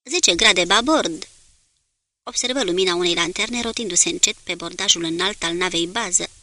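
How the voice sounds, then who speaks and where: A woman narrating an audiobook in an even, measured reading. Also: on the low side. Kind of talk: scripted narration.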